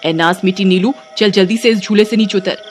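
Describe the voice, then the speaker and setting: A woman voicing a bossy older sister-in-law in an animated village story, scolding and exclaiming. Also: medium pitch, fairly quick, natural voice. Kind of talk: animated Hindi storybook acting. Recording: music behind the voice.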